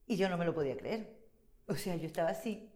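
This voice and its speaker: Lively, laughing actress in an interview. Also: female voice, lowish voice, fast. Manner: lively, laughs often, slips into accent impressions. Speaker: actress and voice impersonator, guest. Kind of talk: casual interview chat. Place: studio in Chile.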